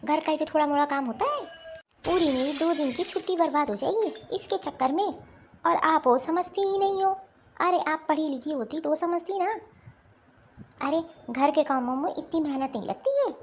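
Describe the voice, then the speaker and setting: A woman's voice: high voice, normal speed, slight background noise, lightly acted. A woman voicing a rude, bossy young working daughter-in-law in a cartoon story. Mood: indignant. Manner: scolding, bossy, dismissive. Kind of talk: Hindi cartoon dialogue.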